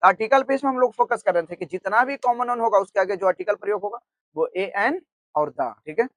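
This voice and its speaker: High-voiced man teaching grammar. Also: no echo. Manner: repeats "theek hai" often, asks and answers his own questions; spells words out slowly while writing on the board. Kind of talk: online grammar lesson.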